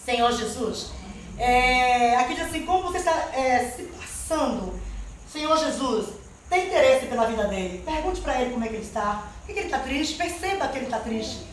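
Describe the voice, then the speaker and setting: Woman, church testimony, earnest, high-pitched, distant mic, very echoey hall. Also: lively intonation, fairly quick, a little hiss or hum. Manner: earnest, often calls out to the Lord and the brethren. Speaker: missionary giving a church testimony. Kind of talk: spoken testimony to a congregation.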